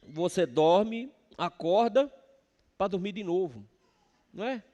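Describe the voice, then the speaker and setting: Man, Brazilian accent, pastor, sermon, high voice, church reverb, expressive. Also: measured pace, muffled recording. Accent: Brazilian Portuguese. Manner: expressive preaching with sudden swings between loud and hushed. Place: church sanctuary.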